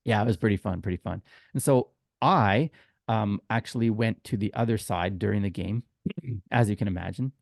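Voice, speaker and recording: This man, a tour guide who co-hosts a casual sports podcast, tells stories in an informal, chatty way and acts out the dialogue he quotes. His voice is lowish, creaky, and darkish, delivered at a normal speed. It's a clean studio recording with no room sound.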